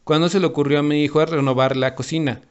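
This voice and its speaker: A man reading the lines of a parent confused by a rearranged kitchen, in a plain, steady read. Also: fairly high pitch, fast talker, clear, resonant tone, highs cut off, lightly acted. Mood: puzzled. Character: flustered parent puzzled by a new kitchen.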